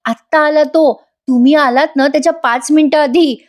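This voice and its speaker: A woman's voice: sits high, steady tone, moderate pace, voice pushed up, close to an everyday voice. A woman voicing a hurt young wife who questions her husband about where he spends his nights. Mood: confiding. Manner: questioning, accusing.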